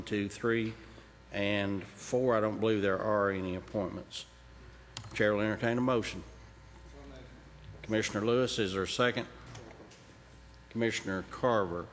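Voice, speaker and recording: A man's voice: fairly low pitch, a bit bright. Man chairing a meeting in a big hall. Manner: brisk procedural calls for motions and votes. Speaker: committee chairman. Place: large county commission room. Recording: reverberant room, faint noise.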